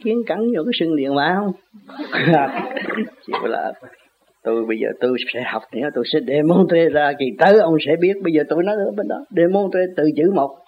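A man's voice: a little high, animated, brisk, a little hiss or hum. An older man in a casual, rambling monologue, chuckling often as he argues about where words come from. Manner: chuckling, argumentative, folksy word-play. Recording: tinny phone-like audio.

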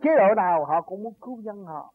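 A man's voice: high voice, animated, a little fast, breathy edge, no room sound. An older man giving an earnest, rambling spiritual talk that rises to emphatic peaks as he recounts his own journey. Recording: tinny phone-like recording with faint noise.

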